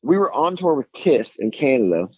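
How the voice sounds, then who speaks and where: Calling from his house by a lake, a Tennessee musician with a heavy Southern drawl rambles through self-deprecating stories, restarting often during a casual phone interview. He sounds medium-pitched, very animated and slightly rough at a moderate pace, with lo-fi audio and no echo.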